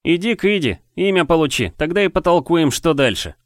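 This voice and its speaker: A man's voice: on the high side, lively intonation, normal speed, dry recording, clean studio sound, pitched above the performer's own voice. A man voicing a brash, cocky boy who teases cheekily with slang. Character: brash cocky boy, sharp-tongued and bossy.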